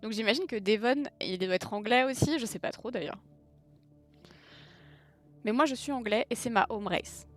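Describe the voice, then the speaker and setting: A fairly high-pitched woman streams a racing game at normal speed, pausing often, with soft music and engine noise in the background. She talks excitedly to viewers in live commentary, yelping at errors and teasing herself.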